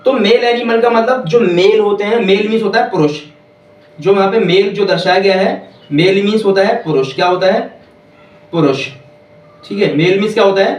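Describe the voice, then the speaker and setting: A man teaching English grammar in a classroom, repeating each point slowly and quizzing the listeners. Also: sits high. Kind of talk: classroom lesson. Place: classroom with whiteboard. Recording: echoey room, voice from far off.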